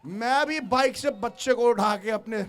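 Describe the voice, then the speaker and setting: A man preaching a sermon at a large gathering, swinging between shouted exhortation and quiet storytelling. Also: very high-pitched, a little slow, crowd noise. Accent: South Indian. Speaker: pastor.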